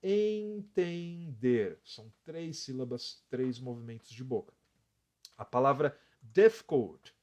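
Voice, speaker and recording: A Brazilian man teaching English on a live stream, explaining step by step, counting out letters and often adding a tag question. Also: mid-range voice. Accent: Brazilian Portuguese.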